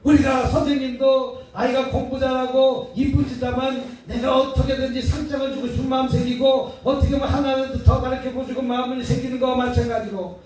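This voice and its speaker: A man with a very high voice preaches a revival sermon, folksy and full of rhetorical questions, calling the congregation to answer back. He is caught from well off the mic in a booming, echoey prayer-house hall, with a faint hiss behind. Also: little pitch movement, brisk, few pauses, darkish tone, far from the mic. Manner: call-and-response, drawing answers from the congregation. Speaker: pastor.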